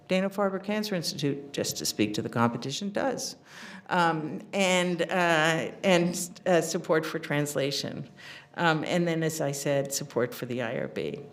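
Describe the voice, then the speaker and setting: A middle-aged woman giving an academic seminar lecture, earnest, often pausing on fillers and restarting her sentences. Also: lowish voice. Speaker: invited seminar speaker.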